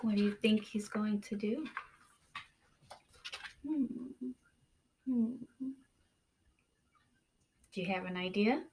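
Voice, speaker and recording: A woman teacher reads aloud to children with lots of expression, using deliberate dramatic pauses and asking her young listeners questions. Her voice is medium in pitch and a little mellow, with slight background noise.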